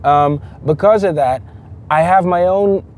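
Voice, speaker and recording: A man's voice: sits high, measured pace, darkish tone, a little hiss or hum. A man, a rapper raised in the Netherlands, talking casually in an interview, emphatic and loose, with many fillers and restarts.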